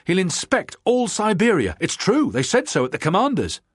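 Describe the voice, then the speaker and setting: A man playing a lively young convict clerk. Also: high voice, moderate pace, breathy edge, no echo, clean studio sound, pitched above the performer's own voice, full character voice. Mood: eager, lively. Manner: bright and eager, raised voice.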